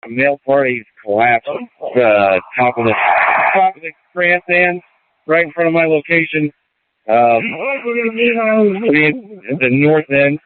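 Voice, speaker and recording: Over a two-way radio, a man working a security post delivers clipped, matter-of-fact dispatch reports in a tinny, dry transmission. He speaks slowly with long pauses, his voice on the high side with lively intonation and a little hiss or hum.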